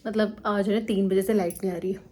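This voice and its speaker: A young woman narrating her day in a casual home vlog, chatty and rambling with quick asides, recorded on a handheld phone in a village house. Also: medium pitch, fairly even intonation, warm tone, a little hiss or hum. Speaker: vlogger.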